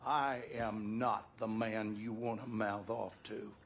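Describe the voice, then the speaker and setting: An actor playing a bitter, abusive husband in a video game, with a Southern American accent and a menacing, aggrieved delivery. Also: male voice, on the low side, flat delivery, takes it slowly, creaky, slight background noise. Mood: threatening. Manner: menacing, aggrieved, folksy cursing. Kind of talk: dramatic video game acting.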